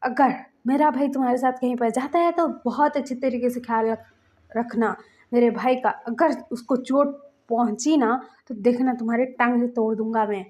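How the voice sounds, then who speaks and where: A woman's voice: fairly high pitch, steady tone, moderate pace, darkish tone, close to an everyday voice. A woman voicing a hot-tempered young man who scolds and threatens to protect his younger brother. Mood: angry, protective.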